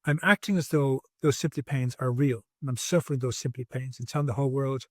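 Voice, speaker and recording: A man's voice: medium pitch, quick pace, no room sound, clean studio sound. A man in his sixties, a podcast guest at home, telling his personal story in an earnest, reflective way with frequent restarts. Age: 60s.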